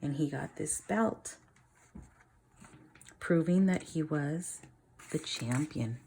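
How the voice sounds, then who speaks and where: This teacher's voice sits low, gravelly and mellow, with slight background noise. She reads a picture book aloud to children, stopping to ask questions and offer simple explanations.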